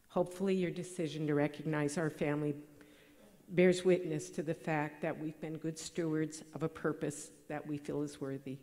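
A middle-aged woman, giving a measured, earnest award acceptance speech at a podium microphone in a large banquet hall. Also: deep voice, a little mellow. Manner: measured, earnest, read from notes. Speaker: award recipient. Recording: long hall reverb.

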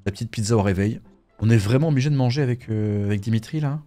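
A man commentating a horror game let's play in a jokey, animated way. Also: fairly low pitch, fast talker, faint music behind. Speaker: gaming YouTuber.

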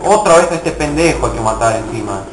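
A man's voice: mid-range voice, expressive, fairly quick, roomy sound, background noise. A young man casually commenting on his gameplay, swearing and mocking himself in frustrated outbursts. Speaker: gaming video host.

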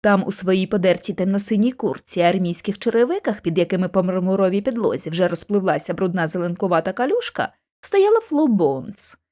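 A woman narrating a bedtime audiobook in an animated, expressive reading voice. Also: medium pitch, a little fast, few pauses.

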